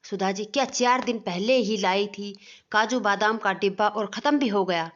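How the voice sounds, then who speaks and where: A woman's voice: mid-range voice, normal speed, close to an everyday voice. A woman voicing a stern middle-aged mother-in-law in a storybook family tale, suspicious and scolding. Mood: questioning. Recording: dull lo-fi recording.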